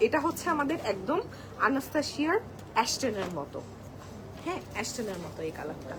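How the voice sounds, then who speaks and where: A woman's voice: fairly high pitch, very animated, brisk, noisy background. A woman hosting a live-stream sale in a crowded store, showing products and talking to viewers. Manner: chatty, addresses viewers as apu; switches between soft and loud talk. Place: crowded store outlet indoors. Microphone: clip-on mic. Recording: crowded shop, busy background. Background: shoppers chattering.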